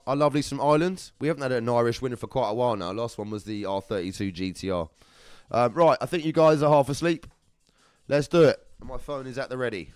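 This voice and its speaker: A man's voice: mid-range voice, smooth, no room sound, studio quality. A young man, hosting a live competition draw in casual, upbeat chat, calling viewers lovelies and brother.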